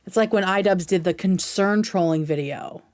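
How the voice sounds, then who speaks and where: A woman with a medium-pitched, slightly mellow voice at normal speed hosts a livestream. She reacts to clips with informal, opinionated commentary, explaining her points at length.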